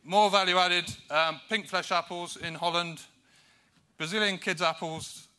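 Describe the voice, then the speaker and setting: Sharp-voiced British conference speaker. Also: male voice, high voice, steady tone, a little slow. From United Kingdom. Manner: dry, self-deprecating humour; hesitant fillers between points. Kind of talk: conference presentation.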